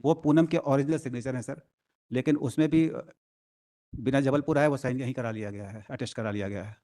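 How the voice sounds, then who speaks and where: A man's voice: medium pitch, fairly quick, warm tone. A man arguing his own case before a judge, deferential and reading out document numbers. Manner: deferential, says sir constantly, reads out document numbers. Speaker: petitioner arguing in person. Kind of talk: courtroom argument.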